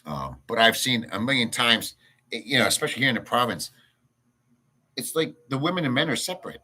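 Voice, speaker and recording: Speaking from home in a rural province, this livestream host rambles through a crude, blunt rant while responding to chat. His medium-pitched voice is husky, animated and fairly quick, with a bright, forceful tone.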